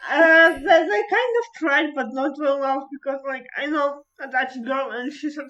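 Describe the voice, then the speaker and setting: A woman's voice: high voice, moderate pace, a bit bright, dull audio. A woman co-hosting a podcast, talking casually and hesitantly with many fillers and giggles. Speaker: podcast co-host. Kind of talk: casual chat.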